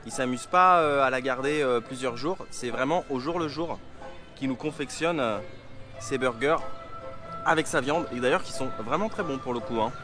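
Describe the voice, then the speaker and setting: A man talking casually to camera on a travel vlog, relaxed and chatty with frequent laughs, tired from the trip, recorded outdoors at a street restaurant on a handheld camera mic. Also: medium pitch, normal speed, music in the background. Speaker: travel vlogger.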